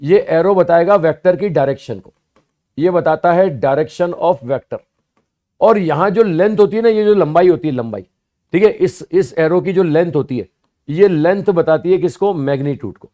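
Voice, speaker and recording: A man teaching physics to students, explaining slowly and repeating points, often asking rhetorical questions and answering them himself. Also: a little high, dark tone. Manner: addresses students as "bhaiya" and "sahab". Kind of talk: classroom lecture.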